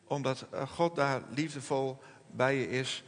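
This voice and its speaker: A man preaching a sermon in a gentle, reflective manner, slowing and softening his voice on quoted words. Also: mid-range voice, long reverb tail. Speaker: pastor.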